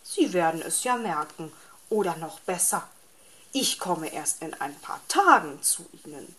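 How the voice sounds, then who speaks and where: A woman's voice: on the low side, expressive, measured pace, fairly bright tone. A woman voicing a grumpy, lazy male fox in a storybook reading, irritable and grumbling.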